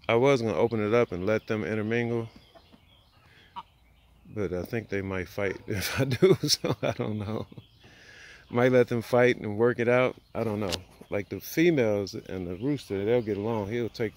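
Filmed on a handheld phone outside by the chicken coops, a man walks through his backyard homestead in a casual vlog, thinking aloud with plenty of fillers. His voice is fairly low, and there's a faint hiss or hum.

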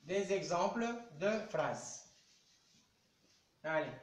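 Slow, patient male teacher in an echoey room. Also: high-pitched. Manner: slow, patient, coaxing, repeats "allez" to prompt pupils. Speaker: primary school French teacher. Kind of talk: live online class lesson. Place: indoor room at a chalkboard. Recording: roomy echoey room sound.

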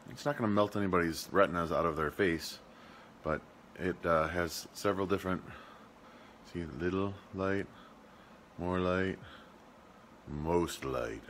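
A man's voice: sits low, unhurried, long pauses, a bit bright, a little hiss or hum. A man in his thirties with a Midwestern American accent, filming himself at arm's length at home as he chats his way through a gift list for his vlog. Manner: chatty and jokey, with plain product talk. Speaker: homestead vlogger. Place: home rooms and a garage, indoors. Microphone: handheld camera at arm's length.

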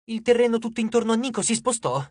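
A man reads an audiobook chapter in a measured, steady way. His voice sits high for a man. The recording is dry and close, with no room sound. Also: no room sound. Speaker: audiobook narrator. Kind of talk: scripted audiobook narration.

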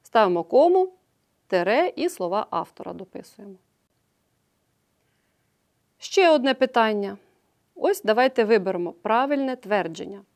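A woman teacher leads an online grammar lesson, patiently walking through each step and often checking in with a quick "right?". Her medium-pitched voice is animated and darkish in tone.

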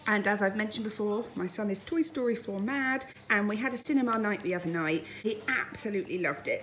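The recording is rough, with a little hiss or hum, as a medium-pitched woman chats through a casual grocery haul. She's a British-accented family vlogger in her thirties from the UK, speaking in her home dining room.

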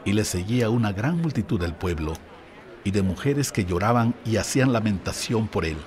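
A man reading a Bible passage aloud in a steady, even manner. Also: lowish voice, moderate pace, slight background noise. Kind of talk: scripture reading.

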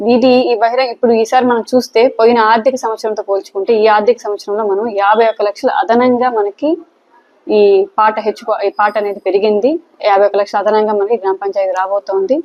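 A woman official giving a formal statement to the press, haltingly and repeating words. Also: medium pitch, little pitch movement. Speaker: local government official. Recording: dull, lo-fi sound.

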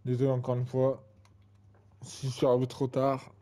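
A man's voice: medium pitch, monotone, moderate pace, mellow. A man in his twenties giving casual gameplay commentary, rambling and full of fillers and repeated tags. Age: 20s. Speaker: gaming channel host.

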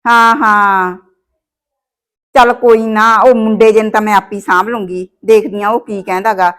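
A woman's voice: mid-range voice, steady tone, moderate pace, fairly bright tone, close to an everyday voice. A woman playing a domineering, scheming mother-in-law in a village comedy short film, scolding her son. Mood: gossiping.

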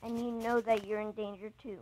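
A woman's voice: medium pitch, little pitch movement, fairly quick, dark tone, close to an everyday voice, rough recording. A woman reading a chat story aloud, voicing a worried young woman who keeps pressing her boyfriend with questions.

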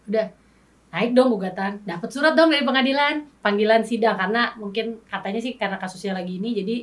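A woman guest on an interview show, telling her story in candid, animated casual chat and acting out past arguments. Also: mid-range voice, fast, far from the mic.

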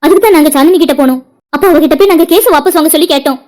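Woman voicing a sharp-tongued angry young wife. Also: high voice, racing, close to an everyday voice. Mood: accusing. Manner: accusing, biting sarcasm. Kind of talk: cartoon drama voice acting.

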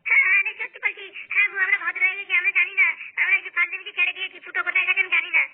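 A very high, rapid cartoon woman, begging to be believed. She talks in a fast, urgent rush. The sound is thin and tinny, like a phone line. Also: flat delivery. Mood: pleading. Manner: pleading, desperate. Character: reformed ex-troublemaker woman pleading innocence.

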